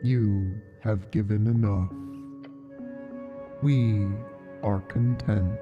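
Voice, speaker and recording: A woman voicing a giant, ancient male snail patriarch through a voice changer, speaking in slow, deliberate, halting words. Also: steady tone, full character voice. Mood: solemn. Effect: voice changer deepening the voice. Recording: muffled, with music behind.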